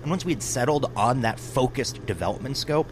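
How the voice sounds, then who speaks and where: A man's voice: medium pitch, a little fast, background noise, close to an everyday voice. A man playing a boastful tech entrepreneur, self-satisfied and emphatic. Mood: smug. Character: boastful male tech entrepreneur, smugly claiming credit.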